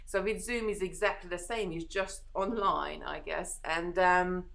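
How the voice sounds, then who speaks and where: A woman with a Hungarian accent hosts a casual beading live stream from home, reading viewer comments aloud. She answers reassuringly but rambles, with many fillers and restarts. Her lowish voice is unhurried and fairly bright, with some vocal fry.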